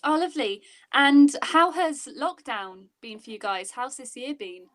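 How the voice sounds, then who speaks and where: A woman with a high voice hosts a casual online chat. Her delivery is informal and conversational, in the manner of an interviewer on a video call. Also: expressive, a little slow, a bit bright. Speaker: host.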